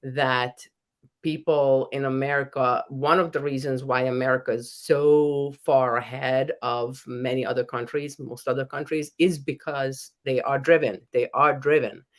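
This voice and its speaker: On a podcast, a middle-aged woman from Hungary who works as a professor and author speaks a little slowly, her very deep voice fairly even in intonation. She has a Hungarian accent, talks earnestly as the interview guest, and frequently starts her sentences over.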